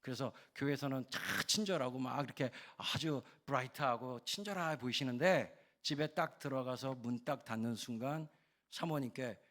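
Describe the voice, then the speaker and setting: A man's voice: mid-range voice, normal speed, fairly bright tone. A man preaching a sermon as pastor at a Wednesday prayer service, speaking emphatically to the congregation. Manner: emphatic, addresses congregation directly.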